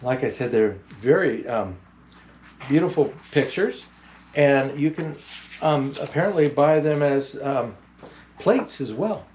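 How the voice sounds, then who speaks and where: A man playing a jolly old Santa Claus who hosts a picture book reading in a gentle, halting, unhurried manner. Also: medium pitch, lively intonation, a little hiss or hum, low-quality recording. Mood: friendly, rambling.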